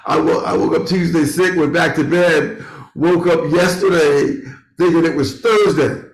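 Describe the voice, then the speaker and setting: Middle-aged male musician, conversational, halting and repetitive phrasing, fairly high pitch, echoey home studio. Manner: halting, repeats phrases as he reasons. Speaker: musician, guest. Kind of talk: casual chat. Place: bedroom turned home studio. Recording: roomy, echoing internet call audio.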